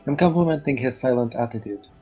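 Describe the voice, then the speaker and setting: A soft-spoken player chatting slowly and casually during a tabletop game. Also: medium pitch, faint music behind. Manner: slow and soft-spoken, laughs easily.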